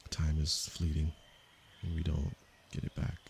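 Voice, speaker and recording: A man from Canada, a meditation teacher, speaking softly and unhurriedly to viewers of his livestream. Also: very deep voice, monotone, gravelly, slight background noise. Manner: slow, soft-spoken and unhurried, with pauses. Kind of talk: calm livestream talk to viewers.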